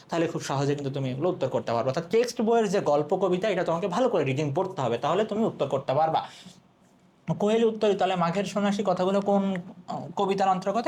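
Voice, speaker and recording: A young man with a slightly high voice leads an exam prep lesson. He asks a question and then answers it himself, over and over. A faint hiss runs under the recording. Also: darkish tone. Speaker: teacher.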